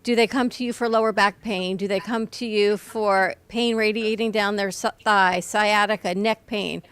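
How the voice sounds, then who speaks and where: A woman hosting a radio interview, asking questions in a friendly, brisk way. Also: mid-range voice, fairly even intonation, a bit bright, clear, resonant tone, dry recording. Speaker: radio host.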